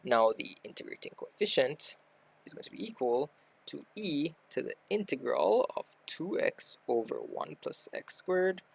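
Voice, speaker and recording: A man's voice: on the high side, sing-song, measured pace, gravelly, breathy edge. A man tutoring maths, talking casually through a worked example step by step and correcting himself as he goes. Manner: talks through steps aloud, self-correcting. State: hiccuping.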